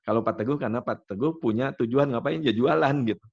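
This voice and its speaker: Gravelly male workshop trainer, chatty. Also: mid-range voice, fast, darkish tone. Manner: chatty, personal stories, asks the group questions. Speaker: NLP trainer. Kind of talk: workshop teaching. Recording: dull lo-fi sound.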